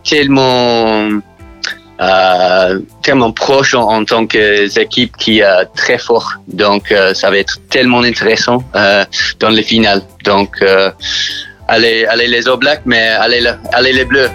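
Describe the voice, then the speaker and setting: A man from New Zealand speaking French as a second language with a strong English accent, halting and often repeating words as he answers interview questions. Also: fairly low pitch, sharp tone, faint music behind. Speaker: interview guest from a church sports outreach group.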